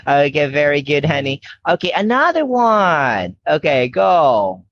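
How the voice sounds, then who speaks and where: Animated Filipino teacher coaxing a child. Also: female voice, low-pitched, dull audio, slight background noise. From Philippines. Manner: slow, clear, cheerful coaxing with frequent praise. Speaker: online English teacher. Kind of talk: teaching English to a young child online.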